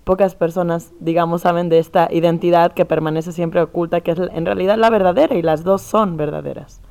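A woman's voice: lowish voice, fairly even intonation, a little fast, a little mellow. A young woman with a Mexican accent, a performance artist speaking thoughtfully and at length in an interview. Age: young adult. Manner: thoughtful, earnest, explains at length. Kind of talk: conversational interview.

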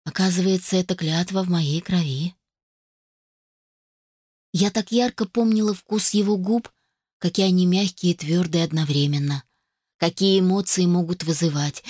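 A woman reading a first-person novel aloud as an audiobook narrator, in an even, steady manner. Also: on the low side, no room sound, studio quality.

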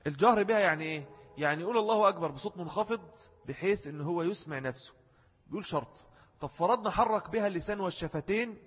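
A man's voice: high-pitched, a bit bright, husky. A man with an Egyptian Arabic accent giving a religious lesson, explaining rules step by step and acting out wrong and right pronunciations. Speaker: religious teacher. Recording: long hall reverb.

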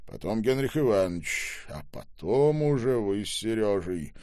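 A man voicing a calm male investigator who gives orders, in an audiobook. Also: fairly low pitch, measured pace, no room sound, clean studio sound. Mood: commanding. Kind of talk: audiobook character voice.

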